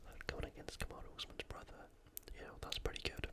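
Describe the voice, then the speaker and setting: The speaker, an ASMR host, uses a breathy whisper with no voicing to give a loose, slightly uncertain analytical look ahead at a sports matchup, speaking fast.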